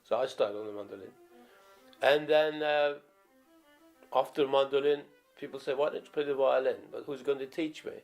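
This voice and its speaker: Faint music plays behind a man in his seventies from Turkey as he reminisces in a documentary interview, telling rambling tales of his viola career in Turkish-accented English. He uses many fillers and restarts, speaking at normal speed in a medium-pitched, steady voice.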